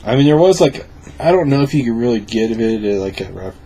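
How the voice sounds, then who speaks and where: A man's voice: mid-range voice, lively intonation, fast, mellow, slight background noise. A drunk man chatting casually as he reviews a film, swearing freely. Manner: profane.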